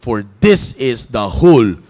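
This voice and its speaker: A man's voice: mid-range voice, takes it slowly. A man preaching a casual, joking sermon to young people in a church. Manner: animated, joking storyteller who breaks into laughter. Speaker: youth preacher.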